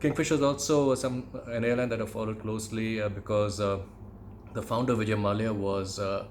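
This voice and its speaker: A middle-aged man from India with an educated Indian English accent, reminiscing in a conversational monologue with measured, hesitant phrasing. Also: on the low side, fairly even intonation, slight background noise. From Calcutta, India. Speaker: podcast host, aviation commentator.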